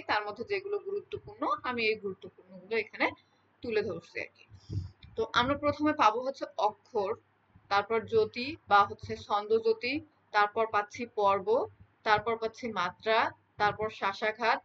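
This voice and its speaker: In a dull lo-fi recording, a woman with a slightly high, somewhat bright voice teaches in an explanatory lecture manner, returning to key terms and checking in with her audience often.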